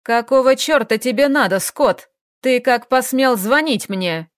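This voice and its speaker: A woman voicing a spiteful middle-aged mother who talks scornfully and loudly. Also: sing-song, very slow, dry recording, studio quality, heavily acted. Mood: scornful angry. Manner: shrill, scornful, hissing.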